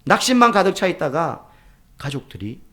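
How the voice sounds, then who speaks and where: A man preaching a sermon as pastor, asking rhetorical questions and sometimes dropping to a soft near-whisper. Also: fairly high pitch, sing-song, moderate pace.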